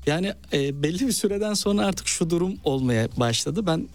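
Lively storytelling man, eastern accent. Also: on the high side, a little fast, no echo, soft background music. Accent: eastern Turkish. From Malatya, eastern Turkey. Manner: animated storyteller, acts out quoted speech. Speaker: novelist and stage actor. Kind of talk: interview storytelling.

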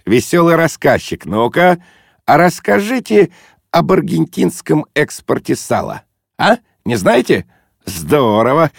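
Male reader voicing a loud, pushy, mocking man, high and bouncy, gravelly edge. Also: sing-song, a little slow, dry recording, clean studio sound, heavily acted. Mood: cheeky, brash. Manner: boisterous, teasing, shouty bursts.

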